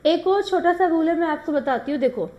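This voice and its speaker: A woman's voice: very high-pitched, brisk, dull audio. A woman teaching shorthand, explaining rules step by step and mixing English terms into Hindi. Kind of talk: classroom lesson.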